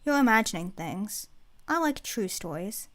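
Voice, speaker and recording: A woman's voice: medium pitch, big pitch swings, moderate pace, a bit bright. A woman voicing a smirking, skeptical young man with a dry, nonchalant, muttering manner. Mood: wry, skeptical.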